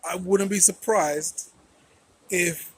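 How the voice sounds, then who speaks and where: A man's voice: high-pitched, steady tone, slow pace, slightly rough. A man hosting a political commentary channel, talking conversationally with rhetorical questions and repeated phrases.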